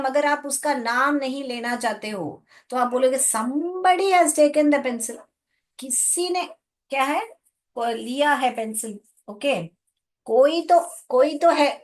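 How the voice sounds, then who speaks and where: Woman teaching an online class. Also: on the high side. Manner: explains in Hindi mixed with English, calls students "beta". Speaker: English teacher.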